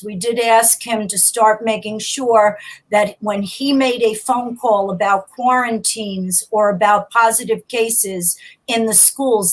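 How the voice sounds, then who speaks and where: Woman guest calling into a radio talk show, steady and reassuring, explains school policy. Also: a little high, low-quality recording. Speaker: teachers' union leader, guest. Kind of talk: call-in radio interview. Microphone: remote call.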